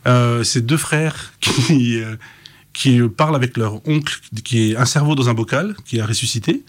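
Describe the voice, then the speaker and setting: A man who works as a voice actor, chatting in an interview and telling stories with enthusiasm. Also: mid-range voice. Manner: rapid, enthusiastic storytelling. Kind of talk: casual interview chat.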